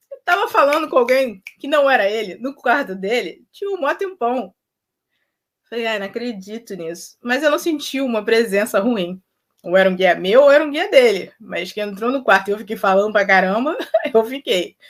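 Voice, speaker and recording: A young woman, telling spiritual stories casually, laughing often and acting out dialogue. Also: fairly high pitch. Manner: animated, laughs often, acts out quoted dialogue. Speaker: spiritual content creator. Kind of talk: casual storytelling to camera.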